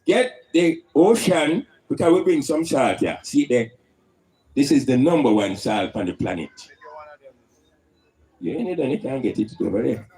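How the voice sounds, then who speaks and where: A man's voice: medium pitch, big pitch swings, measured pace, warm tone, poor audio. A man with a Jamaican accent speaking in Rastafarian style, preaching and teaching emphatically with rhetorical questions and Rastafari idioms.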